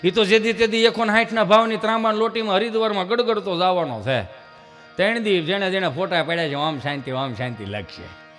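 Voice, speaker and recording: A man's voice: high-pitched, fast, a bit bright, faint music behind. A man with a Kathiyawadi Gujarati accent telling folksy comic stories at a live program at an ashram, acting out the dialogue himself. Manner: folksy, acts out dialogue in other voices. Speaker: stage comedian. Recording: reverberant live venue.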